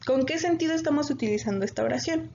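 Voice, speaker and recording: A woman with a Mexican accent walks through an exam-prep lesson in a slightly high voice. She explains step by step and often pauses on fillers or corrects herself mid-word. The audio is dull and lo-fi, with faint noise underneath. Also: warm tone. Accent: Mexican Spanish. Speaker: teacher.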